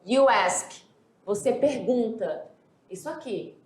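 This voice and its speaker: A woman from Brazil teaching an English grammar lesson, reading example sentences slowly and explaining in quick asides. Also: fairly high pitch, animated, a little mellow, echoey room.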